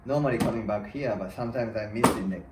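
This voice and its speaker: A man's voice: fairly low pitch, fast. Echoey, distant man with non-native English accent. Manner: short broken phrases, simple grammar. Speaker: guest freestyle motocross rider. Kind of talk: casual unscripted chat. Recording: distant echoey sound, clear noise, clicks.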